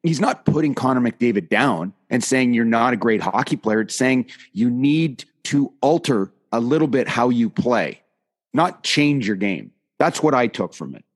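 A man's voice: mid-range voice, animated, moderate pace, husky. A man hosting a sports podcast, a former player, talking in a casual, emphatic way and making his case point by point. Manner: emphatic, lists stats to make his point.

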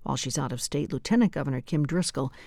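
A woman's voice: a bass voice, animated, quick pace, a little mellow, no echo. A woman reading a scripted local radio news and weather bulletin.

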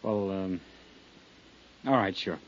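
A man's voice: sits low, a little hiss or hum. An actor playing a nervous young man in an old radio drama, answering hesitantly. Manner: hesitant, halting. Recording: dull lo-fi old radio broadcast.

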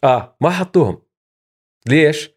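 A man's voice: on the high side, lively intonation, unhurried, breathy edge. A man with a Levantine Arabic accent hosting casual sports commentary, dropping English terms into his speech. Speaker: sports show host. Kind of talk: casual basketball news commentary.

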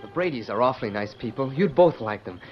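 A man's voice: medium pitch, animated, fast, soft background music, lightly acted. An actor playing an earnest, polite teenage boy in 1940s radio acting on a dull old broadcast recording.

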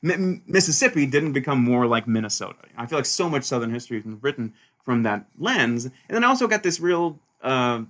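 A bright, forward-sounding male voice from Sweden, talking through his academic path as an interview guest. He speaks in lively bursts, restarts his sentences often, and checks in with a "right?" at the end of his points. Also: mid-range voice, a little fast. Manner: animated, frequent restarts and "right?" tags. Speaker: historian, author guest. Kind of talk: conversational interview answers.

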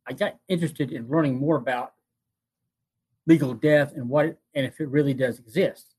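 Slightly husky man, halting narration. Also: medium pitch, fairly even intonation, a little mellow. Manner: halting, often repeats phrases. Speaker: host. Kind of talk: semi-scripted narration of TV show retrospective.

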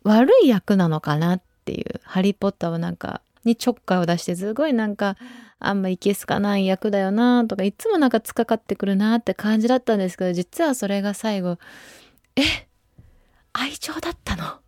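A woman in her twenties hosting a radio show, chatting casually and relaxed, with frequent soft asides. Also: medium pitch, quick pace, dry recording, studio quality. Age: 20s. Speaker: radio host. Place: radio studio. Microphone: studio microphone.

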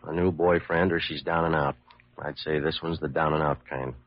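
In a muffled old radio recording with slight background noise, a man with a rumbling low voice plays a cynical, world-weary police lieutenant. He keeps a steady tone and moderate pace, sounding blunt, slangy and matter-of-fact as the hard-boiled character.

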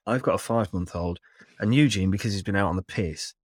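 A man in his thirties with a fairly low voice, recorded dry and close to the room-free end. He hosts a casual sports podcast, teasing and swearing freely while keeping things fairly quiet. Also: quick pace, dry recording. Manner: speaks quietly at home late at night. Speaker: podcast host.

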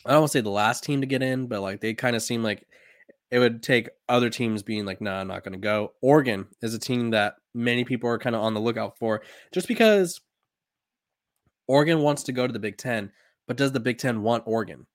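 A man's voice: mid-range voice, a little fast, dry recording, clean studio sound. A young man in his twenties hosting a sports podcast, talking casually with lots of fillers and restarts. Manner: rambling, filler-heavy, many "um"s and restarts. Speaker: podcast host.

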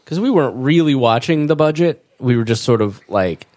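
A podcast host with a mid-range, slightly mellow voice speaks expressively and fairly quickly into a studio mic. Recovering from a cold, he chats casually and jokes his way through self-mocking stories.

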